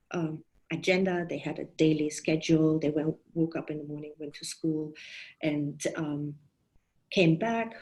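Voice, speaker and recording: A woman's voice: sits low, a little mellow, poor audio. A woman in her thirties who grew up in Germany, giving an online talk on parenting to fellow coaches, thoughtful, with frequent fillers and restarts. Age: 30s.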